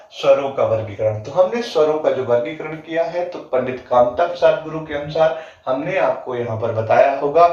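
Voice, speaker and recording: A man teaching an exam-prep grammar lesson. He asks the class questions, answers them himself, repeats definitions slowly with drawn-out words and keeps saying "ठीक है". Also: on the high side, a little mellow. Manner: fills gaps with "ठीक है". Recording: echoey, distant, dull lo-fi room sound.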